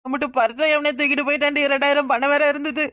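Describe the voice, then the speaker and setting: A woman with a Tirunelveli Tamil accent voicing a cartoon village woman, talking quickly and lamenting. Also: sits high, little pitch movement, fairly bright tone, no room sound, clean studio sound.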